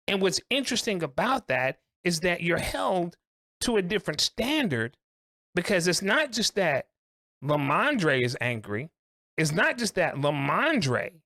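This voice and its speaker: An earnest man co-hosting a podcast, his voice rising and falling freely as he lays out his thoughts in deliberate, emphatic phrases. It is a close, dry recording with no room sound. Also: sits high, pushed and bright, no echo. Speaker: co-host. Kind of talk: podcast discussion.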